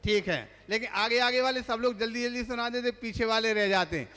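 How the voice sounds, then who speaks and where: A man's voice: extremely high pitch, fairly quick, pushed and bright. A man, a monk teaching a religious class, asks the listeners questions and then recites the lists himself. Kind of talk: quizzing religious lesson. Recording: long hall reverb.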